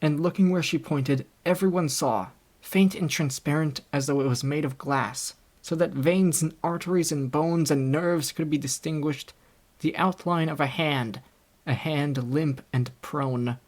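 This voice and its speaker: A young man reading a classic novel aloud in scripted audiobook narration, with a steady storytelling delivery. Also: a little high, measured pace. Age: young adult. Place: home recording setup.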